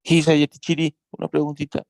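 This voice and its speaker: A man's voice: a little high, monotone, a little fast, creaky, darkish tone, dry recording. A male student asking his teacher a polite question, heard from across the room. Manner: polite, asks for a repeat. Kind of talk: question in class.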